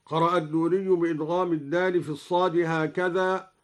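A man presenting on religious radio, giving a slow, formal scholarly explanation of recitation variants. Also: on the high side, little pitch movement. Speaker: radio presenter of Quran readings.

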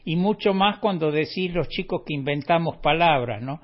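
A man's voice: fairly high pitch, moderate pace. A man hosting a radio show in a casual, wry way, often tagging his remarks with questions. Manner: chatty, wry, with frequent tag questions. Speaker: radio host. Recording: dull lo-fi radio feed.

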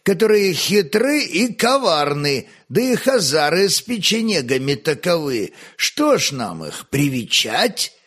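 Man voicing a stern ascetic old priest, slow, preaching, storybook narration. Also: fairly high pitch, very animated, fairly bright tone, slightly rough, exaggerated voice. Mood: scornful.

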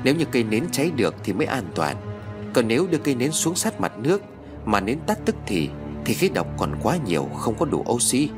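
A man voicing a calm middle-aged neighbor who explains things in a matter-of-fact way. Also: mid-range voice, fairly quick, over music, close to an everyday voice. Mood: insistent.

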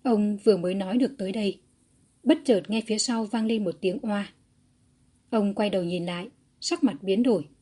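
A woman narrating a historical fantasy audiobook in a steady, even storytelling manner. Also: mid-range voice, moderate pace, husky.

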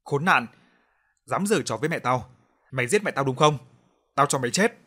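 A man voicing an angry young son who shouts threats in an audiobook. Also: mid-range voice, lively intonation, normal speed, slightly rough. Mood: furious. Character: hot-tempered young son, aggressive.

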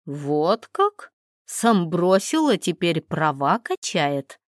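A woman reading the part of a male neighbor who gives calm, concerned advice, in a dry recording. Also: lowish voice, slow pace, no room sound. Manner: calm, advising.

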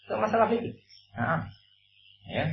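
A man preaching an Islamic study sermon, lively and acting out the quoted dialogue, with a blessing phrase dropped in as a filler. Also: high-pitched, moderate pace, gravelly, noisy background. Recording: lo-fi echoey room recording.

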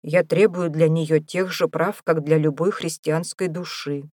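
A woman voicing an excitable, pious male family father in an audiobook, quick and exclaiming. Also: low voice, dry recording, studio quality. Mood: earnest.

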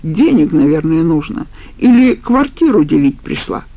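A brutal male ex-convict, read by a woman narrator, harsh and threatening. The voice is gravelly, and the audiobook recording sounds dull and lo-fi. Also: sits low, very animated, moderate pace, heavily acted. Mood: menacing.

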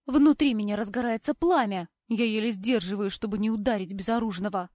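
A young woman narrating an audiobook in the first person, with a measured, expressive delivery. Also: mid-range voice, no echo, studio quality.

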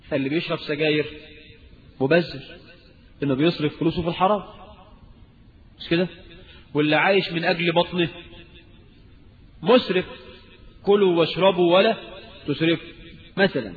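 A fairly high-voiced man with an Egyptian Arabic accent preaching a sermon, throwing out rhetorical questions and bursting into emphatic peaks. His voice comes through a narrow, phone-like channel with a long hall echo and a faint background hiss. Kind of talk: recorded Islamic lecture.

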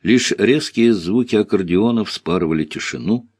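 A man's voice: lowish voice, moderate pace, husky, dry recording, studio quality. A man narrating a novel as an audiobook, reading expressively and voicing the characters. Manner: expressive, voices each character. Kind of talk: scripted literary narration.

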